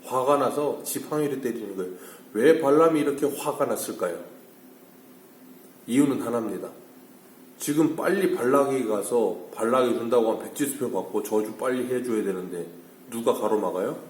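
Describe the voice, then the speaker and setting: In a church sanctuary at an early-morning service, a male pastor preaches, posing questions to the congregation and then answering them himself. His mid-range voice moves at normal speed and echoes around the room.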